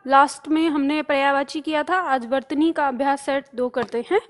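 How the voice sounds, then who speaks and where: A woman teaching a spelling lesson, patiently drawing words out slowly and checking in often with her students. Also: high voice, steady tone, long reverb tail. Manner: instructive, stretches words out slowly when spelling them. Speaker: Hindi teacher.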